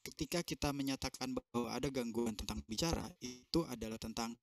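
A man's voice: mid-range voice, a little fast. A man giving consecutive interpretation of a seminar over a video call, translating phrase by phrase with fillers and self-corrections.

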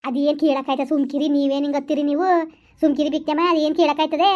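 A woman putting on a bossy village neighbor in a comedy skit, firmly hushing and lecturing. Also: high-pitched, level tone, rapid-fire, pitched below the performer's own voice, natural voice.

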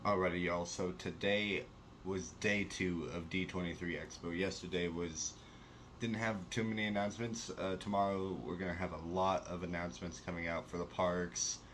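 Young guy chatting news in his bedroom, real low voice, bit of hiss. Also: fairly even intonation, normal speed, fairly bright tone. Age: young adult. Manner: chatty, enthusiastic, many fillers. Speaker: vlogger. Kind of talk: casual sit-down news chat. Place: small bedroom, indoors. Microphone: camera close to face.

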